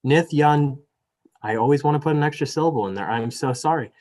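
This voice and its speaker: Speaking very fast in a medium-pitched, somewhat mellow voice, a young student elections director moderates a debate on a video call. His chatty, apologetic opening is packed with fillers, and then he formally reads out the rules for the live virtual debate.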